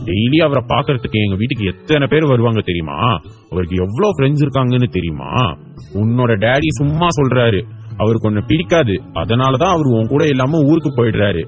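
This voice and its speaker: Man voicing a bragging schoolboy, mocking, sing-song lively pitch, audiobook. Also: brisk, faint music behind, natural voice. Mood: taunting. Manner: mocking, boastful. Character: boastful little schoolboy taunting a classmate. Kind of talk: audiobook character voice.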